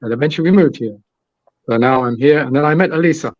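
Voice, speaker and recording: A man telling a relaxed, rambling story over a video call. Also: a little high, fast talker, dull audio, slight background noise. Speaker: musician guest. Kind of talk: casual storytelling chat.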